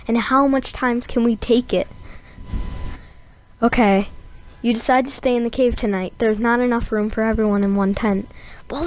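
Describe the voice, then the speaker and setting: A young woman giving a casual, rambling voice-over of her gameplay, full of fillers and asides. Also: on the high side. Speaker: gameplay narrator.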